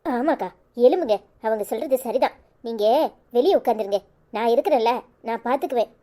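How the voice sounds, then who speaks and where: A woman with a Kanyakumari Tamil accent voicing a calm, reassuring young woman in a cartoon. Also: on the high side, brisk, voice pushed down, natural voice. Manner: soothing, reassuring. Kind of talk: cartoon voice acting.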